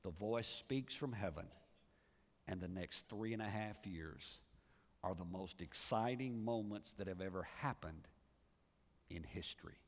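A pastor preaching a sermon, swinging from loud rising calls to low, quiet endings. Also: male voice, a little slow. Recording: church sermon with long reverb.

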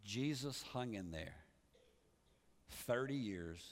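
A pastor preaching a sermon, swinging from loud rising calls to low, quiet endings. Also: male voice, animated, takes it slowly. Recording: church sermon with long reverb.

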